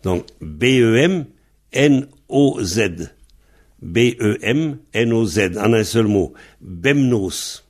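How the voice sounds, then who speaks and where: A man teaching Breton pronunciation, patiently spelling words out letter by letter. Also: medium pitch. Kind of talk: slow spelled-out language lesson.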